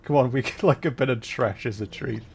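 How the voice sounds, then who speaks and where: Brisk and a bit creaky, with a medium-pitched, slightly mellow voice, a livestreamer comments casually on the puzzle game he's playing, teasing himself and repeating small phrases while he reasons.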